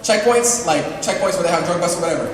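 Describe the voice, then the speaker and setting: High-voiced young man telling stories in an echoey hall. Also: animated, fast talker, a little hiss or hum. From Saudi Arabia. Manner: chatty, laughing, asks the audience questions. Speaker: open mic storyteller. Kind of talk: comic storytelling to a live audience. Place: large hall. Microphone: distant room mic. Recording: echoey hall recording from far off.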